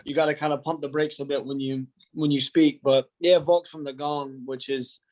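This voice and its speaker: This man, a U.S. wrestling coach, is an easygoing interview guest who jokes around and leans on slang. His fairly high voice barely moves in pitch, carries a darkish tone, and moves at normal speed.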